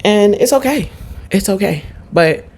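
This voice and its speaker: A woman's voice: medium pitch, animated, measured pace, darkish tone. A woman vlogger talking off the top of her head in a candid, rambling, slangy and blunt casual monologue.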